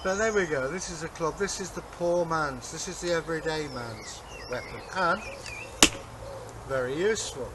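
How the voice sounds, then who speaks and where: A man's voice: on the high side, expressive, moderate pace. An older man, explaining things in a casual show-and-tell manner. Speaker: co-host, Viking re-enactor. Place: outdoors in a leafy garden. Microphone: camera a few metres away. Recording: outdoor noise, birds and distant traffic.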